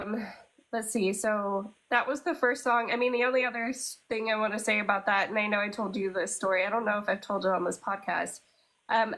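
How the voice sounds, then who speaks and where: Heard over poor audio, a young adult woman with a mid-range, fairly bright voice co-hosts a podcast. She tells stories casually, chatting along with lots of fillers.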